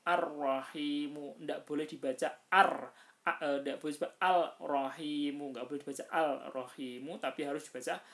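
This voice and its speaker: A man gives a relaxed recitation lesson, moving slowly through each rule. He chants his example words louder and stretches them out, and he explains in between with frequent hesitant fillers. His pitch sits in a middle range. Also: creaky, slight background noise. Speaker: Quran recitation teacher. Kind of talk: casual tajwid lesson.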